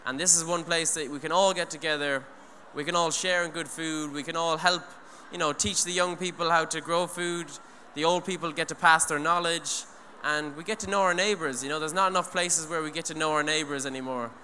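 With a slightly high, fairly evenly intoned voice, a young Irish speaker at an eco event talks briskly with hardly any pauses, sounding pushed and bright. Holding a handheld mic on stage in a large hall, he rambles earnestly, restarting often and saying "you know". Long hall reverb and faint noise are audible.

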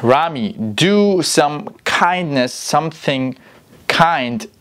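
A young man from Iraq with an Iraqi Arabic accent, teaching a casual language lesson to camera in a halting, explanatory way, repeating key words. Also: on the high side, animated, a bit bright, clear, resonant tone. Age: young adult. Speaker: language teacher and channel host. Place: small room indoors.

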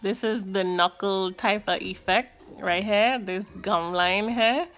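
A woman talks slowly and chattily, her words shaped by braces, a tongue crib and a finger pulling her lip down. Her pitch sits mid-range. Faint music plays underneath. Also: fairly bright tone. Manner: chatty, frequent filler like and um. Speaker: vlogger. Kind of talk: casual vlog update.

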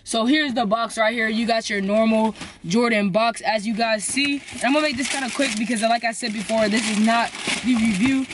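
A teenage American boy vlogs to a camera held at arm's length, chatting casually in slangy, informal language. His voice is extremely high with a steady tone and a slightly fast pace, and the background is noisy.

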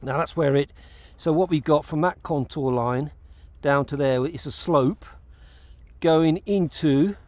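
A middle-aged English fishing vlogger on a kayak in open water talks unhurriedly in a highish, darkish voice with no echo. Chatting to an action camera mounted on the kayak, he explains his fishing step by step and often restarts his phrases.

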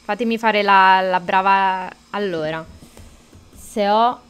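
A woman's voice: medium pitch, takes it slowly, clear, resonant tone, lo-fi sound. A woman chatting casually to her viewers while streaming a game, greeting them and cursing at the controls. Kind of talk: casual live-stream gameplay chat.

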